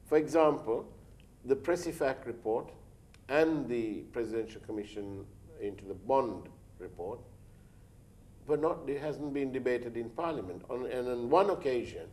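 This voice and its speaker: Hoarse Sri interviewer, challenging questions. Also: male voice, mid-range voice, expressive, normal speed, darkish tone. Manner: challenging, pressing follow-up questions. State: losing his voice, coughing. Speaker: news show interviewer. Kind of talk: studio news interview.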